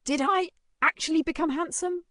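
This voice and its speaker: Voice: mid-range voice, lively intonation, moderate pace, gravelly, darkish tone, breathy edge, no room sound, studio quality. A narrator voicing a shy teenage boy starting over, speaking in a timid, wondering way. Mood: flustered.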